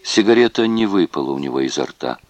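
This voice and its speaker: A man reading a novel aloud in expressive scripted narration. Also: very deep voice, fast, no echo. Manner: expressive storytelling. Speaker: audiobook narrator.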